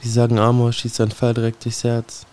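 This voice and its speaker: A man's voice: mid-range voice, completely flat delivery, a little fast, darkish tone, smooth. A man performing a spoken-word poem in a solemn, brooding way, speaking directly to someone he addresses. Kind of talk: spoken-word poetry recitation.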